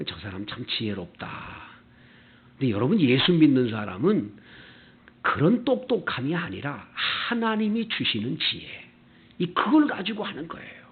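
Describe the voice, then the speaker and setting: A man preaching a Sunday sermon as pastor, animated and acting out the people in his stories. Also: a little high, moderate pace. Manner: animated preaching, acting out quoted customers in character. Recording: tinny, phone-like church video audio.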